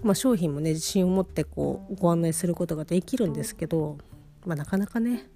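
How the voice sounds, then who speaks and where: Low-voiced sleepy woman, lying down, guitar music. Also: fast, vocal fry, mellow. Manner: talking while lying down, sleepy. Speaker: host of a personal audio diary. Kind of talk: casual monologue diary chat. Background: plucked guitar music.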